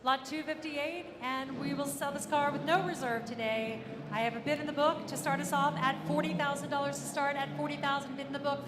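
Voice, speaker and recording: A woman auctioneer calling a live auction, repeating bids and asking for any advance. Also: sits high. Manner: auctioneer's repetitive bid calling. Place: large auction room. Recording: echoey hall, ambient noise.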